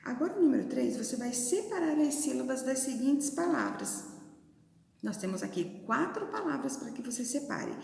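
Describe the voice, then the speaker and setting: A Brazilian woman teacher gives a video lesson to young children, her raised, mellow voice swinging widely and roughened by a little gravel. She sounds out syllables slowly and patiently. The room around her rings with long, echoey reverb. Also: sits high, very animated. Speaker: primary school teacher.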